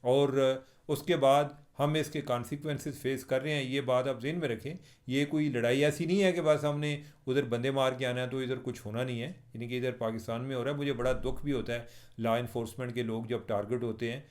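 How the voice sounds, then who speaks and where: A journalist from Pakistan speaks briskly in a mid-range voice with fairly even intonation, offering wry, chatty vlog commentary to viewers on his own channel. His accent is Pakistani Urdu with some Punjabi coloring.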